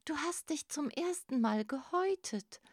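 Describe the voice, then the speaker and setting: A woman's voice: high-pitched, expressive, moderate pace, no echo, clean studio sound, pitched above the performer's own voice. A woman voicing a cautious group of older crabs who warn insistently, in a storybook. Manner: warning, insistent.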